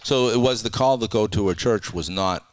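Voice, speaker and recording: A man's voice: lowish voice, normal speed, no echo, studio quality. A man in his sixties hosts an interview at a home, asking clarifying questions and adding short affirmations. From Massachusetts. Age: 60s. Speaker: podcast host. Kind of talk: conversational interview.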